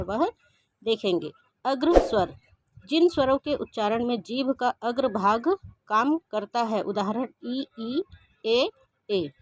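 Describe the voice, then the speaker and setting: A woman teaching grammar in a patient, methodical way. She goes over every point twice, giving a plain definition and then an example. Her voice sits a little high and is recorded close and dry, with no room sound. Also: fairly bright tone, dry recording. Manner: slow, methodical, repeats each point. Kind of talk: explaining grammar over slides.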